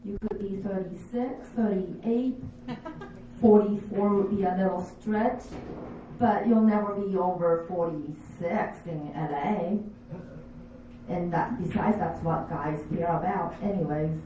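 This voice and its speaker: A woman in her fifties, not a native English speaker, doing a stand-up comedy set with slow, deadpan, self-mocking delivery. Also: fairly low pitch, slight background noise. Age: 50s. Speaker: stand-up comic. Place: comedy bar stage. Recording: echoey bar room, distant dull mic.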